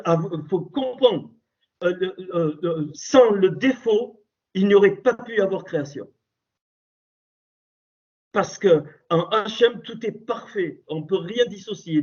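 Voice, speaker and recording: Husky man teaching over a lo-fi call. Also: high-pitched, darkish tone. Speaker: Torah teacher. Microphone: computer call microphone. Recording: dull lo-fi call audio.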